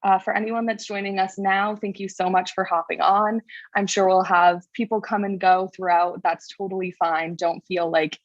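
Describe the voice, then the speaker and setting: A woman's voice: medium pitch, level tone, moderate pace, dry recording. A young woman from Rhode Island hosting a casual livestream Q&A over a video call, welcoming and organized. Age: young adult. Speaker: panel moderator. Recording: dull, dry lo-fi call audio.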